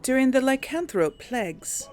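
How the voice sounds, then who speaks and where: A woman with a high, sing-song, slightly mellow voice talks at a normal speed over faint background music. Hosting a role-play gaming video, she muses aloud in chatty commentary and reads out dialogue choices, mixing in in-character lines.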